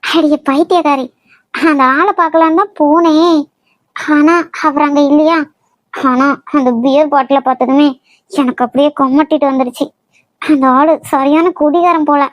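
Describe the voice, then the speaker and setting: A woman's voice: sits high, fairly even intonation, normal speed, no room sound, lightly acted. A woman voicing a bossy but loving older sister in a cartoon, scolding and teasing.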